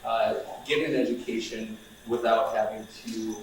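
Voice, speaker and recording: A young man speaking informally to a room of students as an outreach coordinator, relaxed and chatty with plenty of fillers and restarts. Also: fairly low pitch, unhurried, distant mic, a little hiss or hum. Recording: echoey room, voice off-mic.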